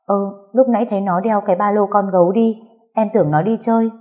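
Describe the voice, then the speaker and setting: A woman voicing a young female shop employee who talks quickly and anxiously. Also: mid-range voice, fairly even intonation, dark tone, lo-fi sound, voice pushed up, natural voice. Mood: worried.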